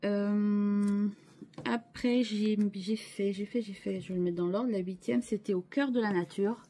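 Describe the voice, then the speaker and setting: A woman's voice: mid-range voice, steady tone, unhurried, warm tone. A woman hosting her scrapbooking channel, chatting casually as she shows her craft pages, hesitant and full of restarts, with chatty asides to viewers.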